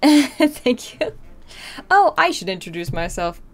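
A woman's voice: high-pitched, very animated, takes it slowly, faint music behind. A woman chatting casually on a game live stream as a VTuber, with a cute, bubbly anime-streamer delivery. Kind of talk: casual live-stream chat while gaming.

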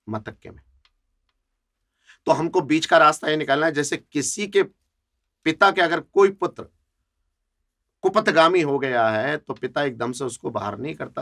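A man's voice: medium pitch, fairly bright tone. Middle-aged male panelist, earnest and reasoning, mid-range voice. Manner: earnest, reasoning, quotes Sanskrit verses. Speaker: panelist at a saints' conference. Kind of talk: religious discussion.

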